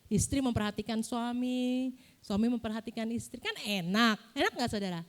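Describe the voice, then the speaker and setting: A young woman preaches in a casual, lively way, turning to the congregation with questions. Her voice sits fairly high. She sounds like she is talking in a church. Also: moderate pace. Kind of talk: casual sermon.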